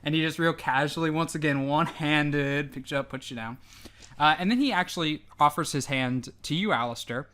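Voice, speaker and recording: A game master narrating a tabletop game in a lively, halting way with many restarts. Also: medium pitch.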